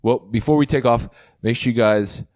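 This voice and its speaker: A man's voice: mid-range voice, moderate pace, a little mellow. A man hosting a podcast, chatting in an easygoing way and often repeating words as he goes. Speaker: podcast host. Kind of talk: casual podcast chat.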